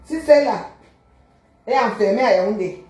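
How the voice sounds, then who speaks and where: A woman's voice: medium pitch, animated, normal speed, darkish tone. Combative Cameroonian woman ranting on a live stream. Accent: Cameroonian French. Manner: combative, scolding, mocking. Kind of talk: live-stream rant answering viewer comments. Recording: roomy echo.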